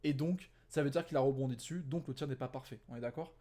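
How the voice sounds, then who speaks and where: A man, maybe a young teacher, explains exam answers in a loose, chatty voice at an ordinary middle pitch. He stumbles, backs up and fixes his own words as he goes, with plenty of fillers. He sounds a little tired, like he is working late into the night. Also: fast, mellow. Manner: conversational, many fillers and self-corrections. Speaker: physics teacher. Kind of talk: casual exam walkthrough.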